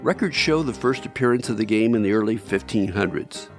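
Music plays clearly behind a low-pitched man. He hosts with scripted narration, measured and storylike, speaking straight to the listener. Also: lively intonation. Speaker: podcast host.

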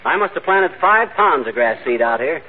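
An actor playing a cocky, folksy husband in old radio comedy, talking breezily in slang. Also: male voice, fairly high pitch, very animated, moderate pace. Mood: breezy. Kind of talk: 1940s radio comedy acting. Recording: tinny noisy vintage radio with audience.

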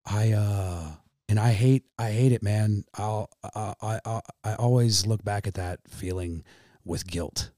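Appearing as a podcast guest, a man in his thirties with a Midwestern accent haltingly recounts an emotional story, going over things again and addressing the host as "man." He speaks at a fairly low pitch with a mellow sound, in a dry, studio-quality recording.

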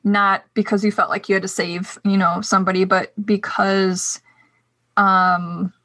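Bright-voiced woman podcast host. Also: mid-range voice, level tone, a little slow, no room sound. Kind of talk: interview questions.

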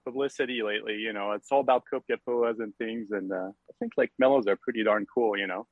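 A man's voice: on the low side, steady tone, quick pace, no echo, phone-quality sound. A middle-aged man from France with a French accent, chatting casually as a podcast guest with many fillers and easy laughter. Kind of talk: casual interview chat.

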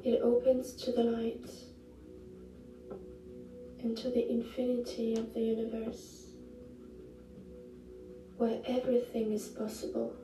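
A woman leads a guided meditation like a sleep story narrator, soothing and gentle. Her delivery is slow and hushed, with long pauses. The sound is roomy and echoing, with music behind her. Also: on the high side, completely flat delivery. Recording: roomy echo, distant mic, music behind.

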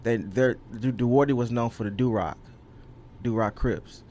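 A medium-pitched, somewhat slow and mellow young man, a rapper from California, appears as a guest on a podcast in a casual interview chat. Earnest and rambling, he fills his story with ums and you knows, over a little hiss or hum.

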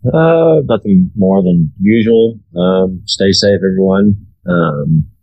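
A man's voice: on the low side, animated, slow pace, creaky, dry recording, narrow, tinny audio. A man co-hosting a podcast, making dry little jokes. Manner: dry joking. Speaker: podcast co-host. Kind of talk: casual podcast chat.

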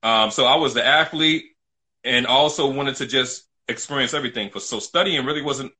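His medium-pitched voice runs a little fast, with a bright and forceful tone. The middle-aged man, from New City in New York City, United States, is an interview guest telling his own story casually, emphatic and prone to repetition.

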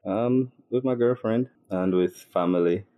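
A man in his thirties with a very deep voice. He chats in a relaxed, easygoing way, often restarting his sentences and laughing easily as a podcast guest. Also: unhurried, phone-quality sound. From Trinidad and Tobago. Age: 30s. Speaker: podcast guest, university lecturer. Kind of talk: casual interview chat.

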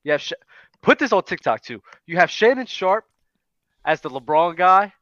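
Bright, forceful man bantering. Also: high-pitched, sing-song, moderate pace, no echo. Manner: emphatic, repeats phrases. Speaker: podcast panelist. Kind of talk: casual sports banter. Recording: slightly dull, lo-fi mic sound.

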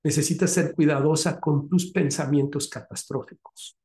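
A man hosts a podcast, telling a story and then giving advice. He sounds animated, and his voice sits a little high. The recording carries a roomy echo. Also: normal speed. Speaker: podcast host.

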